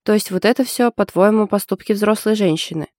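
A stern, practical older sister with a blunt, sharp-tongued way of talking, read by a woman. The voice is warm and dark. The sound is dry. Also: medium pitch, fairly quick, dry recording, natural voice. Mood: angry.

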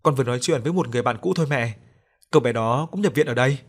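A man's voice: medium pitch, racing, natural voice. A man reading the part of a kind young woman in hospital, pleading and anxious.

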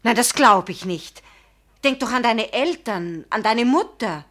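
In a German radio drama, a woman with a slightly high, fairly bright voice plays a proud, passionate young fiancée pleading with her beloved, a pastor. She speaks unhurriedly and animatedly, with emphatic, dramatic feeling that swings from indignant and scornful to tender.

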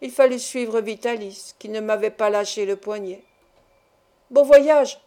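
Mellow-voiced woman narrating a classic novel. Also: mid-range voice, fairly even intonation, moderate pace, smooth. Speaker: audiobook narrator. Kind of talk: literary audiobook narration.

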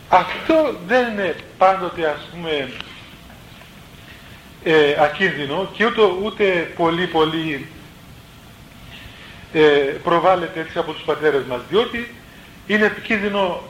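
High-voiced priest giving a sermon. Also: male voice, lively intonation, pauses often, fairly bright tone. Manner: plain teaching tone, peppered with "let's say" asides and self-corrections. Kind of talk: spoken sermon on spiritual life. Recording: roomy echo, faint background noise.

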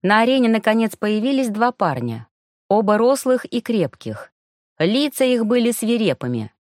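A woman narrating a fantasy audiobook in the first person, even and wry. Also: a little high, moderate pace, no room sound. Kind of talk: scripted narration. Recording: dry close studio sound.

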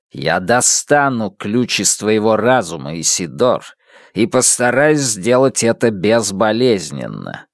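A man's voice: mid-range voice, no room sound, studio quality. A man reading aloud, voicing a cold, metallic-voiced masked male elder who coaxes and menaces in a storybook. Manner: calm, coaxing and menacing.

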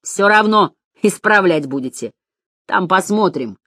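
A woman voicing an insolent teenage schoolboy in an audiobook, shrill and whining. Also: expressive, a little slow, a bit bright, no room sound.

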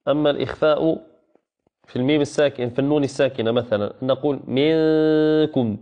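A man teaching a Quran recitation lesson, patiently repeating key phrases and chanting verses slowly. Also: medium pitch, fairly even intonation, lo-fi sound. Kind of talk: online tajweed lesson.

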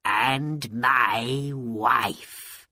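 A man voicing a scheming, greedy male magician who speaks slowly and coaxingly in a storybook reading. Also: medium pitch, bright, forceful tone, dry recording, studio quality, exaggerated voice.

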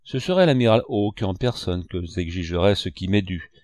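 A man's voice: low voice, expressive, moderate pace, darkish tone, dry recording. A man reading an audiobook, voicing a scheming one-legged innkeeper who blusters with theatrical indignation. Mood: blustering.

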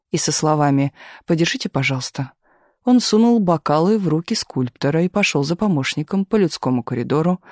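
An audiobook narrator reading a novel in an even, measured storytelling manner. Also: mid-range voice, no echo, studio quality. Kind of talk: scripted narration.

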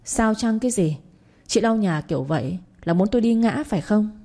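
A woman voicing a bossy older mother-in-law who scolds in a shrill, accusing voice. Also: expressive, moderate pace, warm tone. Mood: scolding. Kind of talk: audio story reading.

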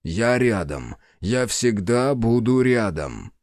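A man voicing a devoted male orc protecting his beloved, speaking low, urgent and tender. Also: very animated, slow pace, a little mellow, no echo, studio quality.

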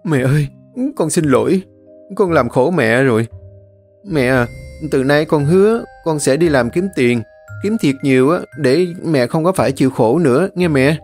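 A man's voice: fairly high pitch, lively intonation, moderate pace, a little mellow, soft background music, voice pushed up, close to an everyday voice. A man voicing a poor young son in an audiobook, pleading and choked with tears. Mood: tearful promise. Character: young adult son, poor, tearful and devoted. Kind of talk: audiobook character reading.

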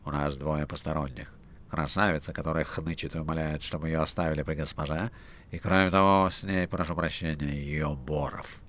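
A man voicing a cold, menacing demon servant in a low, muttering tone. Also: steady tone, fairly quick, a bit bright. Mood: sinister.

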